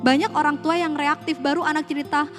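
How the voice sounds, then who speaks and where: A school staff member gives a casual parenting seminar with slides, speaking straight to parents and asking them rhetorical questions. Her high voice moves fast with fairly even intonation, and her conversational style mixes in casual slang. Music plays under her speech.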